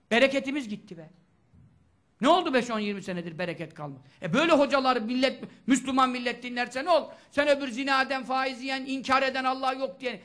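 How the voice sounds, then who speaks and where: A man delivers a religious lesson in a strikingly high voice with a bright, forceful edge. He preaches with fervor, swinging between loud exhortation and near-whispers, and breaks into melodic chanting of scripture. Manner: chants Quranic verses in melodic recitation. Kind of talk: sermon lesson.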